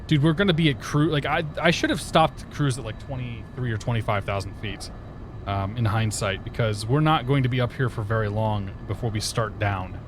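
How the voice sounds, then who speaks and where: A man's voice: medium pitch, brisk, noisy background. A man streaming a flight simulator session on headset audio, chatting casually and greeting viewers by name as he flies. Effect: livestream headset audio. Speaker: livestreamer. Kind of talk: casual commentary while flying a flight simulator.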